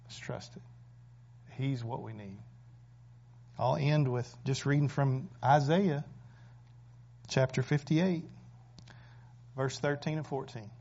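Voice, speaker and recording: A man's voice: medium pitch, takes it slowly, gravelly, pauses often. Fervent preacher man, lo-fi recording. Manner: builds from quiet to loud, urgent preaching. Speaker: pastor. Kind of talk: sermon.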